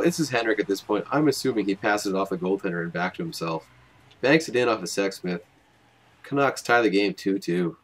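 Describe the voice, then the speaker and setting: A young man giving joking, wry play-by-play voice-over of game highlights. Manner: wry, joking, self-mocking. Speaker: highlights commentator.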